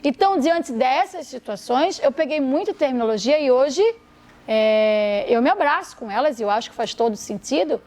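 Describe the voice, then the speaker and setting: Woman, therapist on a podcast, high voice, talks big and emphatic. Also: normal speed. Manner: expressive, emphatic storyteller. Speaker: guest therapist. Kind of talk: podcast conversation.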